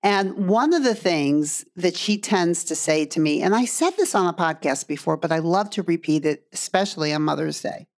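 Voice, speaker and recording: A woman's voice: lowish voice, animated, moderate pace, hardly any pauses. A middle-aged woman hosting a podcast as a coach, talking earnestly and straight to the listener, repeating phrases for emphasis. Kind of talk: heartfelt podcast monologue.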